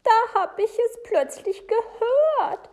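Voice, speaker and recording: A woman's voice: very high voice, animated, slow pace, a little mellow, pitched above the performer's own voice, heavily acted. A woman voicing a flustered, fretful older housekeeper who mutters and repeats herself. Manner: anxious, repetitive muttering.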